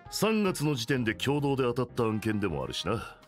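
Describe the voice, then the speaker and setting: A man voicing a steady, experienced male fighter in a game, plain and matter-of-fact, over background music. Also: mid-range voice, very fast, lightly acted. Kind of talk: Japanese game voice acting.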